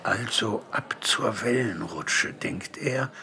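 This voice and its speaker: Gentle male storybook narrator. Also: on the low side, animated, takes it slowly, vocal fry. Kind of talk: scripted children's audiobook narration. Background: faint music.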